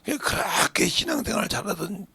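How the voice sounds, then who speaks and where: A male pastor preaching a sermon, swinging from shouted lines to hushed whispers. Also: sits high, huge pitch swings, fairly quick, gravelly, slightly rough.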